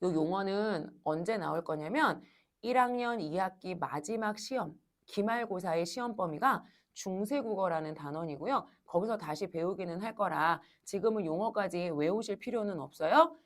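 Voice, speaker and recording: This is a high-school language lesson led by a woman. She keeps things moving briskly and coaxes the class, asking questions and answering them herself.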